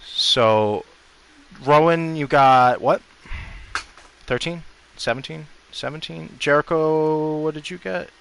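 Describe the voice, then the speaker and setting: A man's voice: a little high, slow, vocal fry, long pauses, fairly bright tone, clean tone, rough recording. Casual, swearing man running a game. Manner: casual and loose, swearing, laughing, trailing off. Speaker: game master. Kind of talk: narrating a tabletop game.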